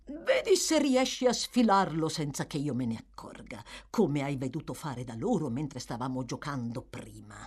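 A woman voicing a sly, coaxing old man who trains young thieves, in a low, soft, drawn-out manner. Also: sing-song, husky, exaggerated voice. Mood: wheedling. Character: sly, wheedling old male fence, coaxing.

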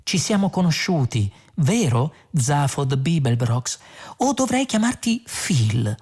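A woman voices an indignant, stubborn ordinary Englishman in a read-aloud story. He presses his point insistently, with an aggrieved edge, in a lively but low, slightly husky voice. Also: slow, full character voice.

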